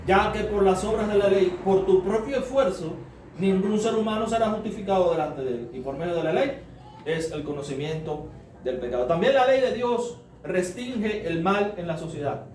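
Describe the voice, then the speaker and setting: A man's voice: high voice, animated, moderate pace, darkish tone. A man preaching a sermon as a Bible study, explaining step by step and asking the congregation rhetorical questions. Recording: roomy, distant mic, faint noise.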